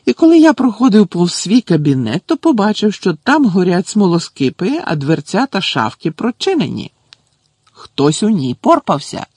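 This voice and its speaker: A man's voice: fairly high pitch, big pitch swings, moderate pace, a little mellow, husky, no echo, studio quality, full character voice. Snape, a man doing a silky, cutting stern professor. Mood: cold. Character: cold, stern male professor. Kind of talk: audiobook character voice.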